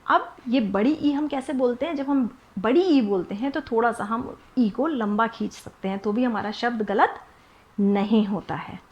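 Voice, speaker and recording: A young woman teaching a nursery class, speaking patiently and repeating words slowly so children can follow. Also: a little high, a little mellow, lo-fi sound. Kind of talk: nursery Hindi lesson.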